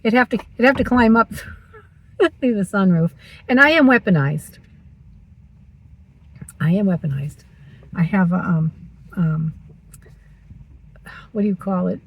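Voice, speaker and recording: A woman's voice: mid-range voice, a little slow, creaky, pauses often, breathy edge, highs cut off. A woman in her sixties vlogging from her parked car, chatty and teasing herself as she talks. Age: 60s. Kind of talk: casual chatty vlog.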